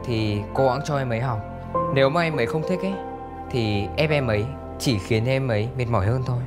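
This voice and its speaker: A young man playing a calm clever detective. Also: mid-range voice, brisk, loud music behind the voice, close to an everyday voice. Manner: calm, explaining, advising.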